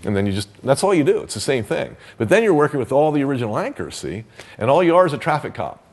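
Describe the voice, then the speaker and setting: A man's voice: mid-range voice, big pitch swings, quick pace. A man teaching therapy techniques in a loose, conversational way, with many fillers and restarts. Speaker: therapy trainer. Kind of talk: casual teaching talk.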